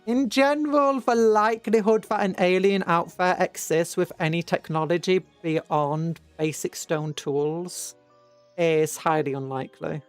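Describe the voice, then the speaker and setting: A British VTuber chats casually with viewers on a livestream, rambling and musing and often pausing to correct themselves. Their medium-pitched voice is steady and a little slow, with background music playing.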